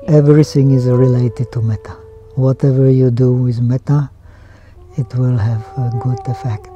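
An older man from the Czech Republic with a Czech accent, a Buddhist monk speaking calmly in a reflective interview and ending his thoughts with a questioning "huh?" or "hmm?". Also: mid-range voice, normal speed. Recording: slightly dull sound with flute music behind.

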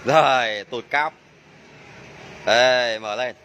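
A man's voice: mid-range voice, slow, sharp tone, slight background noise. A man working as a motorbike mechanic, demonstrating a repair and joking and exclaiming to himself as he works. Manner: chatty, jokey, exclaims under his breath.

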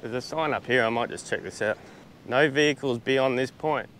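A man's voice: mid-range voice, normal speed, a bit bright, a little hiss or hum. An Australian man chatting casually through a travel vlog on a beach, laid-back, with lots of fillers and restarts, recorded outdoors on a small camera-mounted mic. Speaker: travel vlogger.

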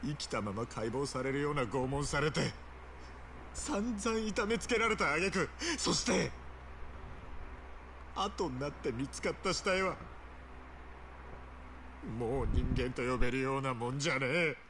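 An actor playing a desperate young male yakuza in a video game, talking in rough, blunt street speech. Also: mid-range voice, lively intonation, measured pace, long pauses, background noise. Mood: grim, pained.

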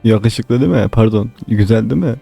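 A man's voice: lowish voice, fairly quick, gravelly, mellow, husky, no echo, soft background music. A young man chatting casually while gaming, giving short, repeated, bossy instructions. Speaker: gamer leading pranks in online matches.

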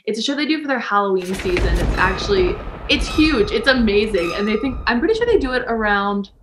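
A woman's voice: medium pitch, sing-song, fairly quick, reverberant, noisy background. This is a young woman in her twenties, talking casually as an interview guest. She is chatty and sometimes laughs as she speaks. She is recorded through a webcam at home. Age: 20s. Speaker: guest, professional dancer. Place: indoor living room. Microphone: video call webcam.

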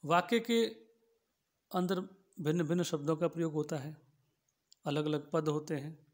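A man with a fairly high voice lectures on logic in a measured, patient way. He circles back over each idea, rephrasing it and grounding it in plain everyday examples. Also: fairly even intonation. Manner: explains slowly, repeats and rephrases each point with simple examples. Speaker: philosophy teacher.

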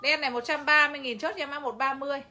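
A woman's voice: high voice, fairly even intonation, racing, sharp tone. A woman selling clothes on a livestream, chatty and talking straight to her viewers. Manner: chatty, addresses viewers directly, laughs often. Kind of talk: live sales pitch.

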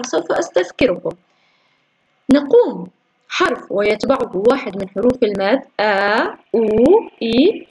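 Lady teacher, kinda high voice, slow drawn-out syllables, lots of praise for the kids. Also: slight background noise, rough recording. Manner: slow, drawn-out syllables when sounding out words; praises often and asks pupils questions. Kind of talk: recorded classroom lesson.

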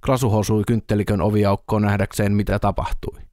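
A man reading an audiobook in a steady, even storytelling manner, close to the mic. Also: on the low side, no room sound. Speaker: audiobook reader. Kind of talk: audiobook narration.

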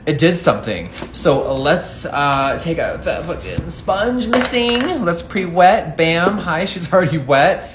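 A man doing a casual makeup review vlog, talking in a sassy, campy way with frequent swearing, swinging between loud exclamations and low muttered asides. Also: expressive, a little slow, noisy background. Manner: sassy and campy, calls viewers "bitch" and "baby"; swears often.

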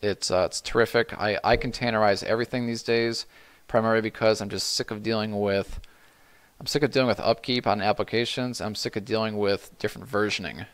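A middle-aged man talks through viewer questions on his live stream, unhurried and loose. His voice sits a little low, and he often trails off and restarts his sentences. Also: clear, resonant tone. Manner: relaxed, rambling, frequent restarts and "you know". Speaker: livestream host answering chat questions.

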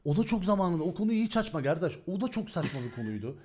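Man, streamer, high voice, rapid-fire, agitated, ranting. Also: sing-song, darkish tone, slightly rough. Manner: fast, agitated ranting with swearing. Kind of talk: heated casual stream talk.

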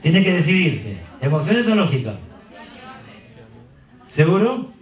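Animated Peruvian sales trainer in a hall. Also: male voice, on the high side, a little fast. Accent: Peruvian Spanish. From Peru. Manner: animated, quizzing the audience. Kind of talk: live motivational seminar talk. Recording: roomy, distant, dull seminar hall.

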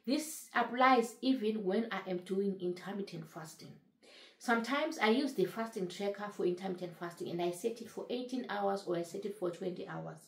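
In an echoey room, a woman in her late thirties vlogs about losing weight, chatting casually to camera and earnestly repeating phrases for emphasis. Her mid-range voice moves at a normal speed.

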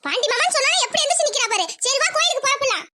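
Woman doing a scolding village mom, very high pitch, faint hiss. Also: animated, bright, forceful tone, full character voice. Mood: bossy. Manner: brisk, scolding. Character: bossy middle-aged village mother.

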